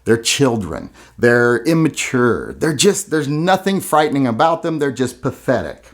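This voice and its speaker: A man's voice: mid-range voice, very animated, measured pace. A man commenting on a video in a blunt, profane and mocking way. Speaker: gun channel host.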